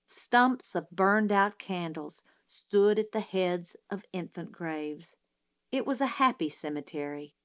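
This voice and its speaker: A woman narrates a novel aloud at an unhurried, deliberate pace. Her voice sits in a middle pitch and carries the story in measured, scripted narration. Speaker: audiobook narrator.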